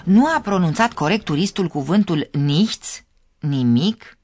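A radio lesson host reading scripted narration clearly, explaining and addressing listeners directly. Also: medium pitch, expressive, darkish tone, no echo.

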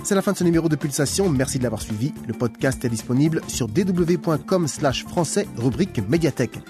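A man hosting a radio magazine, reading a scripted news narration in a measured, formal way. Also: a little high, expressive, over music.

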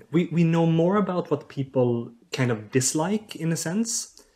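A man's voice: on the high side, expressive, a little slow, darkish tone. A man, a researcher being interviewed on a podcast, explaining his study with many fillers and restarts. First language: Swedish. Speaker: researcher guest.

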